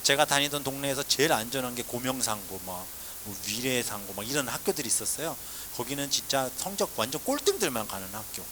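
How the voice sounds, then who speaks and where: A male pastor, likely in his forties and from South Korea, telling his own testimony in a sermon, swinging between loud exclaiming and hushed asides. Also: mid-range voice, animated, a little fast, background noise.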